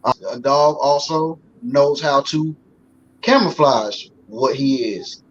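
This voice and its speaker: A man's voice: mid-range voice, lively intonation, slow. A man in his forties, a guest on a talk show, talking in a loose, folksy way with lots of fillers. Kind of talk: casual talk show conversation. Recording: slightly dull sound with faint noise.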